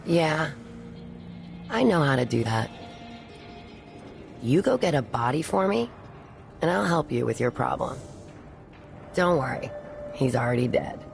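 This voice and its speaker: Very deep, gravelly female street fixer. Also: very animated, measured pace, long pauses, faint music behind, exaggerated voice. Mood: sly, bargaining. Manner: blunt, sly. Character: shady street-smart woman gang fixer, blunt and conniving. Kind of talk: video game character dialogue.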